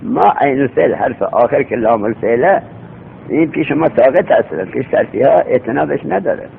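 Gravelly-voiced man teaching a grammar class. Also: lively intonation. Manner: patient, repetitive explaining with rhetorical questions. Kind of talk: seminary grammar lesson. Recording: tinny phone-like recording with faint rumble.

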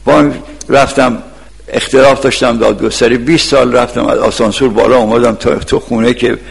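A man delivers a sermon in a gravelly, husky voice, building stories that break into sudden shouts. His voice rings out with a long reverb, as in a big hall. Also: mid-range voice, steady tone. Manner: storytelling with sudden shouted outbursts. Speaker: preacher.

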